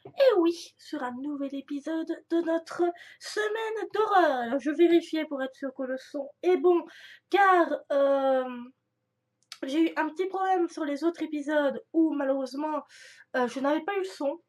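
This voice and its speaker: A woman's voice: high-pitched, measured pace, darkish tone. A young woman chatting casually through a gaming video, rambling with many fillers and restarts. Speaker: gaming youtuber. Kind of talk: casual let's-play commentary.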